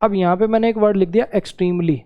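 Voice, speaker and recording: A man's voice: high-pitched, fairly even intonation, brisk, clean tone, highs cut off. A man teaching English grammar in a classroom-style lesson, repeating key words and checking that students follow.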